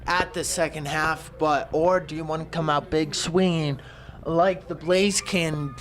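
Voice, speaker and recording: A man doing excitable, rambling color commentation on a football game. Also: fairly high pitch, unhurried. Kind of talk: live sports commentary.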